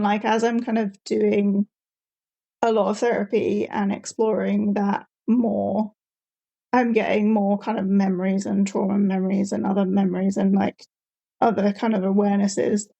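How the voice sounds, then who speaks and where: A woman's voice: medium pitch, creaky, warm tone, rough recording. A woman, a podcast guest talking reflectively in a casual group conversation. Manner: reflective, many "like" fillers.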